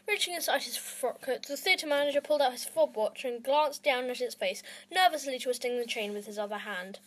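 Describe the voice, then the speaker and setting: A woman's voice: sits high, brisk, a bit bright, poor audio. A woman hosting her own podcast, reading a storybook aloud in an amateur, self-conscious way that stumbles over words. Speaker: podcast host and reader.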